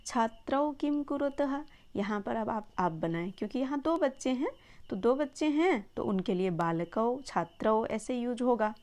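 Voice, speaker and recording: A woman teaches children a Sanskrit textbook lesson, patient and encouraging, slowly repeating words to model pronunciation. Her voice is fairly high and animated, with a darkish tone.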